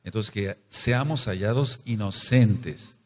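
A man's voice: lowish voice, slow pace. Mexican man teaching, in a long reverb. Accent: Mexican Spanish. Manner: explains and exhorts in short phrases, with asides. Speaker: teacher of a Torah study. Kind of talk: Bible study teaching.

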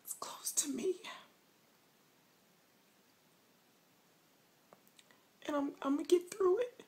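A woman playing a sobbing, overwhelmed woman in a mock confession to camera, with snotty crying, halting whimpers and a voice breaking into whispers. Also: extremely high pitch, mellow. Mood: tearful, determined. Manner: halting, whimpering, broken phrases. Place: small room indoors. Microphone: phone or webcam at arm's length.

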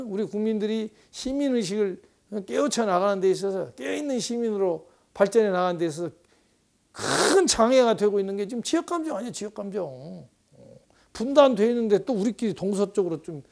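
A man's voice: high voice, creaky, a little mellow. A man in his sixties, a professor, giving a rambling conversational lecture on politics with frequent rhetorical asides.

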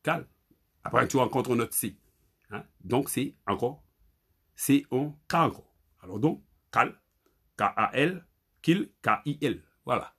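A man teaching a Creole spelling lesson, halting and repeating himself as he spells letters aloud. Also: mid-range voice, sharp tone, slightly rough.

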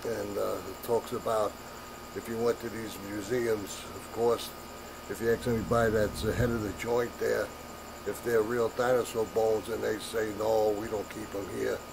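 Older guy rambling on camera, low-ish voice, lots of uh and i said, bit of hiss. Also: level tone, normal speed, vocal fry. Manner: meandering, repeats "I said", many fillers. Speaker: flat-earth video maker.

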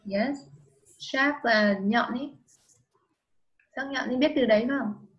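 A woman's voice: a little high, slow, lo-fi sound. A woman teaching English online with a Vietnamese accent, patiently dictating and spelling words letter by letter. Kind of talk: slow dictation lesson for a child.

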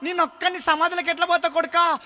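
Dying old father begging his son, telangana accent, high strained voice, a man acting it out. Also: steady tone, quick pace, a little hiss or hum, full character voice. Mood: pleading. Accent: Telangana Telugu. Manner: pleading, loud and high.

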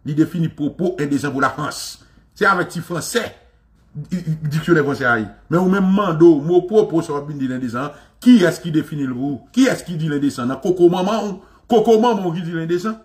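A Haitian man hosting a show, ranting in an animated, mocking way, with lots of repetition and frequent laughter. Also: on the high side, a little fast. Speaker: show host. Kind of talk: impassioned commentary rant.

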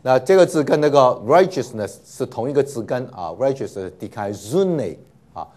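A man's voice: mid-range voice, animated, moderate pace, warm tone. Patient man teaching with many fillers. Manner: patient, many filler 'ah' sounds, repeats words for students. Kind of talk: classroom lecture.

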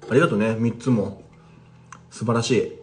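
A man's voice: lowish voice, fairly even intonation, moderate pace, darkish tone, a little hiss or hum. A man teaching casually on a livestream, chatting with viewers and replying to their comments. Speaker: language teacher streaming live.

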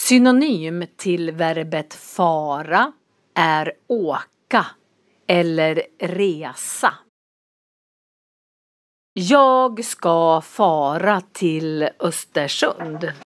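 A woman with a somewhat low voice gives a vocabulary lesson, saying each word form slowly and distinctly so learners can follow. Her voice is recorded close up in a dry room with no echo. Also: lively intonation. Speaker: language teacher. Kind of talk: slow, clearly articulated vocabulary lesson.

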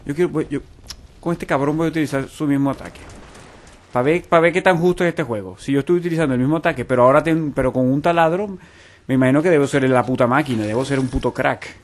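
A man commenting loudly while playing a game, with panicked repetition and swearing. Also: medium pitch, fast talker. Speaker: gamer streamer. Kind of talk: let's play commentary.

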